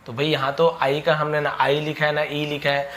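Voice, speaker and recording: A man teaches English letter sounds in Hindi. He speaks patiently and stretches out each sound, then repeats it slowly for learners. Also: a little high, monotone, a bit bright. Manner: explains patiently, repeats sounds slowly and answers imagined student questions. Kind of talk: Hindi-language phonics lesson.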